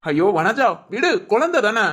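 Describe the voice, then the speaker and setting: A woman playing a patient young husband who gently soothes his child and pleads with his wife in a short drama. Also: on the high side, very animated, normal speed. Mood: gentle.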